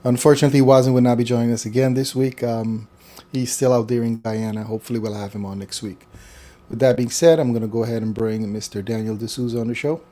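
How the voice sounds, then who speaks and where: A man hosting a casual live online talk show over a video call, chatty and relaxed, with frequent fillers. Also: medium pitch, fast. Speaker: host.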